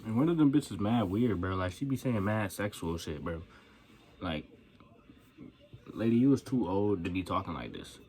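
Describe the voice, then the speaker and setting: A man's voice: lowish voice, animated, moderate pace, pauses often, a little mellow. A young man telling a profane, slangy story about his coworkers in a casual rant. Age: young adult. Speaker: vlogger.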